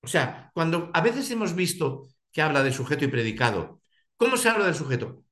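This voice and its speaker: A man's voice: fairly high pitch, big pitch swings, brisk, fairly bright tone. Man explaining philosophy, echoey room. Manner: thinks aloud, many restarts and rhetorical questions. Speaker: seminar leader.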